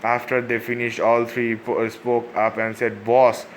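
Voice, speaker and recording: A man reading fan fiction aloud, with a halting delivery full of fillers and restarts. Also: medium pitch, monotone, a little hiss or hum.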